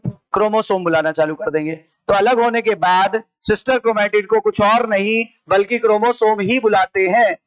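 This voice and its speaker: High-voiced Indian man drilling a class. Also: moderate pace, clean tone, no room sound, muffled recording. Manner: repetitive question-and-answer drilling. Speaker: biology teacher. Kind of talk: classroom lecture. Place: coaching classroom.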